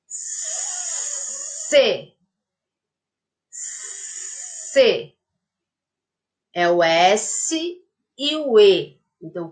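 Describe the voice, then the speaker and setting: Slow, patient woman teacher dictating letters. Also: fairly high pitch. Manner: uses many diminutives and checks in with "tá?". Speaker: primary school teacher. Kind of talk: remote class lesson for young children.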